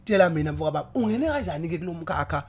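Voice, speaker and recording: A man's voice: a little high, animated, racing, slightly rough. A man with a Zulu accent hosting a casual interview, repeating phrases for emphasis. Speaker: interviewer, host. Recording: faint background noise.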